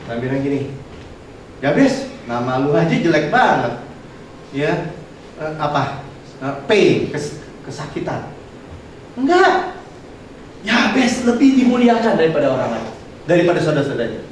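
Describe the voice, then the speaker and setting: A man preaching a casual, lively sermon, slipping English words into his talk. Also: fairly high pitch, unhurried, pauses often, slight background noise. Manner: animated and colloquial, mixing English words. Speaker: pastor. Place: church hall. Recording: echoey hall, voice from far off.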